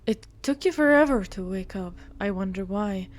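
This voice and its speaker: A woman game streamer reads a visual novel aloud during a walkthrough, her mid-range voice animated and at normal speed. She stumbles over words and breaks off into blunt, playful commentary.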